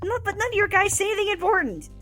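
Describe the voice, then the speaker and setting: A woman's voice: very high-pitched, expressive, rapid-fire, bright, forceful tone, faint music behind. A woman chatting as co-commentator on a game playthrough, teasing and laughing a lot.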